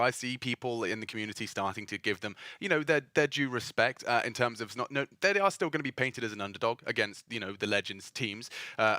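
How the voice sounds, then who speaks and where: A man sits at an esports casting desk and analyses the matchup in a measured way, often reaching for "you know". His mid-pitched voice is bright and sharp. The sound is close and dry. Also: dry recording. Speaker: esports co-caster. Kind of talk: esports match-preview commentary.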